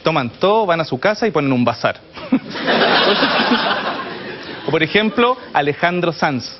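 A man's voice: fairly high pitch, lively intonation, a little slow. A man with a Chilean accent doing a mocking stand-up comedy routine on stage. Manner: mocking, sings song lines in exaggerated voices. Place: comedy stage before a live audience. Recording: muffled live show recording, loud crowd and noise.

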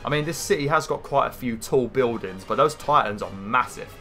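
A British man gives casual gameplay commentary in a nasal voice that sounds like his nose is pinched. His pitch sits at an ordinary middle level, and his talk is informal and rambling. Music plays behind him. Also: animated, brisk, sharp tone. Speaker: gaming video host.

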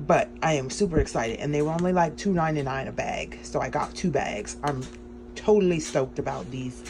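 A woman chatting excitedly in a casual grocery haul vlog from a small home kitchen, with many ums along the way. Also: deep voice, fairly quick. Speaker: vlogger.

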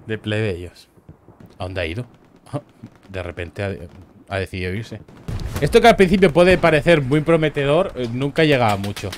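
A man with a Murcian Spanish accent giving casual, crude, joking commentary over a shooter game, often bursting into loud yelps. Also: medium pitch, big pitch swings, normal speed, long pauses, background noise. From Murcia, Spain. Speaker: gameplay commentator.

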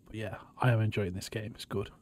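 A man's voice: on the low side, fairly even intonation, a little fast, darkish tone, slight background noise. A man streaming a game, giving casual live commentary to his viewers.

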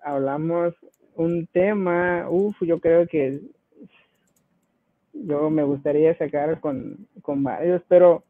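A man from Guatemala chats as a guest, an easygoing rapper who chuckles as he tells his stories. His voice sits high, and the sound is dry and thin like a phone line. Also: dry recording. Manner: easygoing, chuckles between anecdotes. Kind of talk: casual interview storytelling.

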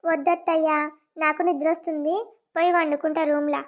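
A blunt, sharp-tongued young wife from a village cartoon, voiced by a woman. She speaks with a very high, piercing voice. The audio is dull and lo-fi. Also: little pitch movement, brisk, natural voice. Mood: polite. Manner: scolding, blunt village speech.

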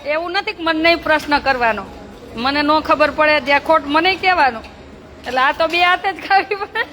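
A woman's voice: high-pitched, a little fast, sharp tone, some chatter behind. A woman who runs a charity for slum children. She talks casually with the kids, teasing, coaxing and scolding them in a playful but bossy way. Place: among a group of children. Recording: noisy crowded outdoor ambience.

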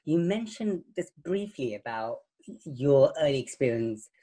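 A male interviewer with a husky, mellow voice. He asks patient questions and restates each answer before asking the next. His pitch sits in the middle. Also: lively intonation, measured pace. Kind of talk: oral history interview.

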